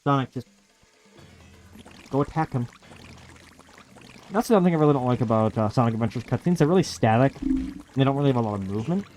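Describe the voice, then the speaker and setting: A man's voice: mid-range voice, animated, quick pace, pauses often, a little mellow. A man hosting a let's play with casual, sarcastic, sweary commentary and plenty of complaints. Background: video game music.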